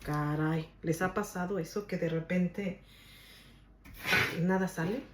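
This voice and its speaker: Mexican woman, cooking host, casual and talkative, lowish voice, faint background noise. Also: fairly even intonation, slow pace, a little mellow, echoey room. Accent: Mexican Spanish. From Mexico, Guadalajara. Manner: chatty, stubborn, keeps asking "¿ok?". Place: home kitchen.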